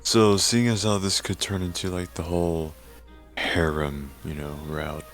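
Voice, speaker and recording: A young man in a let's-play chat, delivering dry, deadpan jokes. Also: deep voice, unhurried, faint music behind. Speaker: guest player. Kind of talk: casual let's-play banter.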